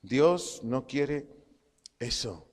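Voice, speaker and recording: Pastor teaching in an echoing church. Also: male voice, medium pitch, expressive. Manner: slow, emphatic teaching, repeats phrases and dictates punctuation. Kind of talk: sermon, Bible teaching. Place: church congregation hall.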